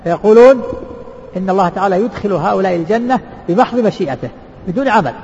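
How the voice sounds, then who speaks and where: Sheikh lecturing, very fast, dull muffled recording in a mosque hall with long echo. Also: male voice, sits high, animated, a little mellow, a little hiss or hum. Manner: asks rhetorical questions and answers them, repeats words. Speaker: sheikh teaching a book. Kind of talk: lecture explaining a religious text. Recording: reverberant hall, dull lo-fi sound.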